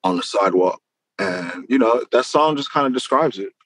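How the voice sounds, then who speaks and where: This interview guest, a rapper out of Queens, New York, talks loosely and casually, full of slang and freely dropped swears. He has a fairly low pitch with lively intonation, a normal pace, and a fairly bright tone, recorded with no echo.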